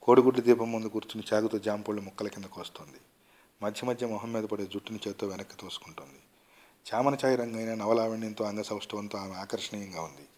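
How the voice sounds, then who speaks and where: A man reading a short story aloud in a quiet, even narrating voice. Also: fairly low pitch, fast talker. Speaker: story reader.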